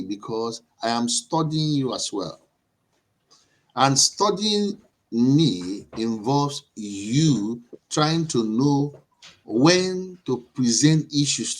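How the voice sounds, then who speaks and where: A man speaks conversationally as a panel participant, explaining personal views in a deliberate, instructive way and restating his points. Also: medium pitch, low-quality recording.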